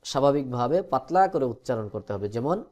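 A man teaching Quran reading, explaining letter sounds patiently and slowly stretching out each letter as a drill. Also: mid-range voice, expressive, a little mellow. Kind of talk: recorded lesson on letter pronunciation.

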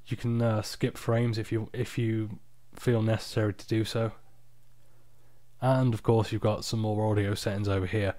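A tired man giving a casual, unscripted screen-recording tutorial, explaining software steps in an informal, off-the-cuff way. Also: on the low side, little pitch movement, normal speed, no echo. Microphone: external microphone, close and dry.

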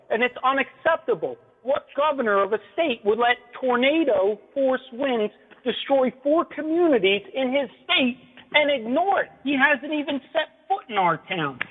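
A man's voice: very high-pitched, breathy edge. A man calling in to a radio show over a phone line, complaining angrily and urgently. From New Jersey. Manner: angry, urgent, indignant complaint.

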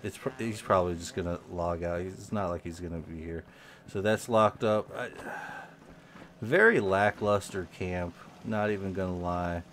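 A man giving casual commentary over a video game, halting and repeating his words with frequent ums. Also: deep voice, steady tone, fairly bright tone, a little hiss or hum. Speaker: gaming channel host.

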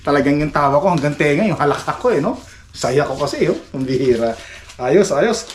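In this relaxed home vlog, a man from the Philippines teases and boasts to his audience, laughing often. He talks a little fast in a fairly high voice with lively intonation, over faint background noise.

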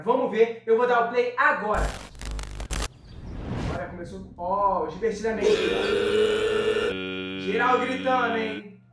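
A man with a Brazilian Portuguese accent hosting a casual reaction video, talking excitedly to his viewers with lots of exclamations. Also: extremely high pitch, distant mic. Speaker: YouTube reaction host. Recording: echoey room, off-mic, loud background music.

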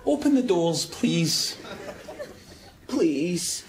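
An exasperated Scottish man stuck in a lift, his voice lively and high-pitched as he shouts at the machine. A studio audience laughs loudly behind him. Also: measured pace, echoey room, over a noisy crowd, heavy background noise.

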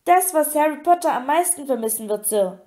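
A woman voicing a small, eager male house-elf who squeaks and talks about himself in the third person. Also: lively intonation, fairly quick, a little mellow. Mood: insistent.

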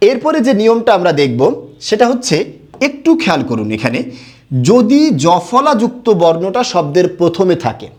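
Lively high-voiced male teacher. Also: normal speed. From Bangladesh. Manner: explains by asking the viewer questions and answering them himself. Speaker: Bengali grammar teacher. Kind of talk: recorded classroom lesson.

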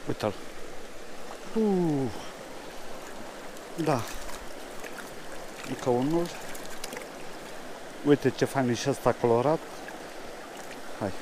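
Man fishing by a loud stream. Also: mid-range voice. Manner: mumbles quietly to himself while fishing, then speaks up loudly to the camera. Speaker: fishing vlogger. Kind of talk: casual outdoor fishing commentary. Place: outdoors by a mountain stream. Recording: rushing stream noise behind.

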